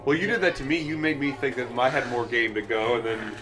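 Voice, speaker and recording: A man's voice: medium pitch, fast talker, music in the background. A man joking wryly with friends while watching a horror game. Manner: joking, wry. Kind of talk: casual gaming chat.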